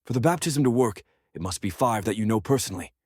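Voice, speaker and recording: A man voicing a sly, coaxing drow spider-creature who serves a dark god in a fantasy story. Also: fairly low pitch, expressive, quick pace, breathy edge, dry recording, clean studio sound.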